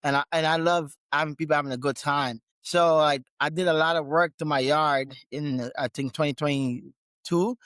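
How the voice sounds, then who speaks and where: A man from Guyana, a gym owner and trainer, chatting casually as a podcast guest, relaxed and often restarting his sentences. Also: fairly high pitch, moderate pace, no echo. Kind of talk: casual interview conversation.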